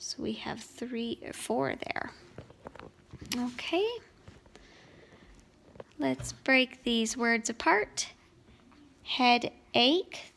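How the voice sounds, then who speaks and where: A woman with a fairly high voice and a gravelly edge walks through grammar answers at home. She talks slowly and patiently, the way a teacher does while going over a worksheet. Her delivery stays steady and explanatory. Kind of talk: grammar lesson walkthrough.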